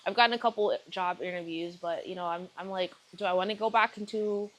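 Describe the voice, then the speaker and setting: A woman's voice: lowish voice, fairly even intonation, brisk, a bit bright, low-quality recording. A woman, talking casually to camera in a rambling video diary full of fillers and self-corrections. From Texas, United States. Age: 30s. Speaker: vlogger.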